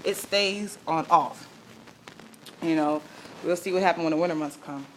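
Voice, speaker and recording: A woman's voice: low-pitched, normal speed, a little hiss or hum. A woman giving a casual walkthrough of her salon and its basement, chatty and exasperated, with wry laughs, filming on a handheld camera. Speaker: salon owner showing her space. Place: building basement and salon, indoors.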